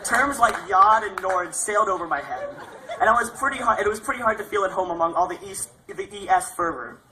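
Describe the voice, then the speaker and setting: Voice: medium pitch, animated, a little fast, a crowd in the background, poor audio. A young adult speaker delivering a prepared graduation speech as a graduating student.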